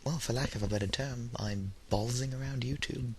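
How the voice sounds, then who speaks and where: A tired, slightly unwell high-school student, a teen or young adult, gives a rambling solo audio log as a YouTuber, with dry, self-deprecating humour. He speaks at medium pitch and a moderate pace, recorded noisily at home with background hiss.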